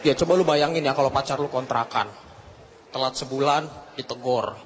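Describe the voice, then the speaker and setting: A man's voice: mid-range voice, fairly quick. A man doing a stand-up comedy routine, full of slangy, self-mocking punchlines. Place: TV studio stage before a live audience. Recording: TV broadcast with crowd and noise.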